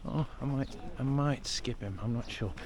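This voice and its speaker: A man's voice: mid-range voice, normal speed, a little mellow. Rambling Australian man on a street walk. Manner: rambling, laid-back, swears casually. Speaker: travel vlogger. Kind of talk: casual rambling walk-and-talk. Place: outdoors, old-town streets. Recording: clear street and traffic noise.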